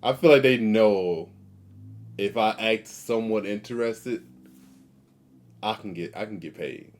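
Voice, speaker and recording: A young man co-hosting a casual chat, easygoing and agreeable, often trailing off softly. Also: on the low side, measured pace. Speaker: podcast co-host.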